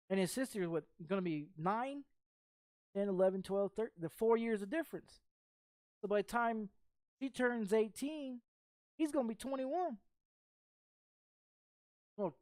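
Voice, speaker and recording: Her voice sits on the high side and sounds slightly mellow, captured cleanly in a studio with no echo. She's a thirtysomething game streamer from Texas, rambling bluntly with plenty of cursing and repeating herself as she goes.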